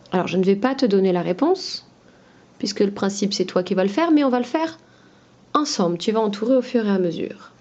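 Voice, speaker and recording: A woman teacher talking slowly and patiently to young children, spelling out each word syllable by syllable. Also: mid-range voice, darkish tone, muffled recording.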